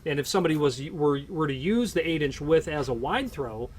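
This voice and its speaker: A man's voice: fairly high pitch, animated, a little fast, slight background noise. A man explaining door hardware off the cuff, talking in loose, restarting sentences full of fillers. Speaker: hardware product presenter. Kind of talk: unscripted product explanation.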